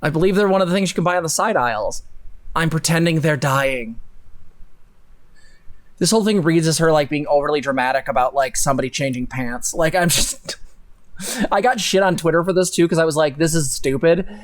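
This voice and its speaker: A young adult woman co-hosts a casual livestream from her bedroom indoors, sounding sardonic and profane and leaning hard on words for emphasis. Her voice is low-pitched and a little fast, picked up by a close desk microphone on a boom arm.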